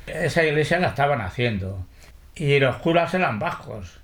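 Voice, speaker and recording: An older man from Spain recalls old times in an oral history interview. His voice sits a little high for a man, and he tells his stories with salty slang, acting out what others said. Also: normal speed. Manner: lively storyteller, salty slang, quoting others.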